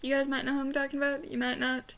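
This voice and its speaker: Quick and high-pitched, with a completely flat delivery and a fairly bright tone, a young woman reviews books in a chatty, rambling vlog. She's indoors in a small bedroom, and her R sounds slip into W's.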